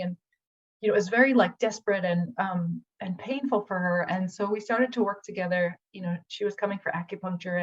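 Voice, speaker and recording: Woman healer, chatty testimonial, filler-heavy, mid-pitched, muffled lo-fi audio. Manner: chatty, animated retelling with many fillers. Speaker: acupuncturist and healer. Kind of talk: personal testimonial. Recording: dull lo-fi recording.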